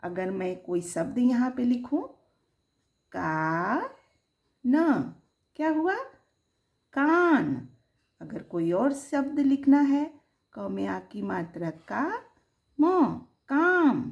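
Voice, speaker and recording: A woman teaching young children, sounding out syllables slowly and lifting her voice on each example word. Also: medium pitch, expressive, warm tone, lo-fi sound. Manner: slow, drawn-out, sounding out syllables; sing-song, rising on the example words. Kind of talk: children's Hindi lesson.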